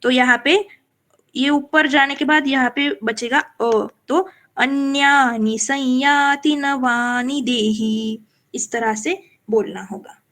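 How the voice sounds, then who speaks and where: A woman teaching Sanskrit verse recitation in a live class, explaining patiently, checking that students follow, and chanting lines slowly as examples. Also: sits high, fairly bright tone.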